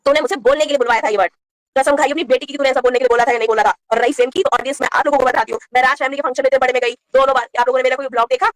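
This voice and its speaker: A woman vlogger rants with a high, quick voice, firing accusations and scolding without pause. Her sound is close and dry, with no room echo. She keeps the tone confrontational throughout. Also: fairly even intonation. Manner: confrontational, rapid-fire, scolding. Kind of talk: heated vlog rant.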